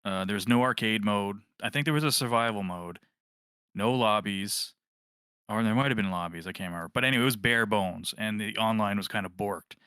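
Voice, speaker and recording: A man's voice: lowish voice, fairly quick, bright, forceful tone, clean tone, dry recording, clean studio sound. A man co-hosting a casual gaming podcast, rambling and correcting himself as he talks. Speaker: podcast co-host.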